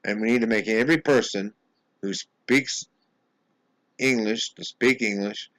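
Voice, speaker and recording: An American man speaking a home video monologue in an indignant, insistent way, halting often and repeating words as he restarts his sentences. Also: lowish voice, a bit bright, dry recording, poor audio. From United States. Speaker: vlogger. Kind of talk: angry monologue to camera.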